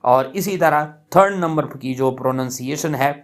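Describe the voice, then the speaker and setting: A man's voice: mid-range voice, moderate pace, soft background music. A man teaching a lecture on English pronunciation, explaining patiently with many fillers, repeating points and stretching out example words.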